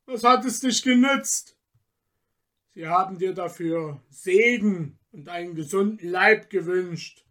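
A man voicing a scornful giant male forest spirit in a storybook reading, loud, taunting and emphatic. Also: high-pitched, slow pace, exaggerated voice. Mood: mocking.

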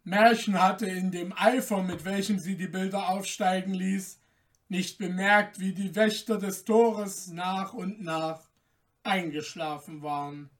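Slow measured woman storyteller. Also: mid-range voice, steady tone, distant mic. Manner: measured, lilting storybook reading. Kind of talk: scripted fairy-tale narration.

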